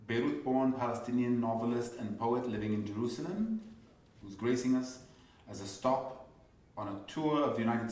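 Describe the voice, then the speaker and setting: A man's voice: lowish voice, darkish tone. Hesitant man introducing guests in an echoey room. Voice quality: hesitant, halting delivery. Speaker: host introducing a poetry reading. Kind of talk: reading introductions with fillers and restarts. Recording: echoey room, far from the mic.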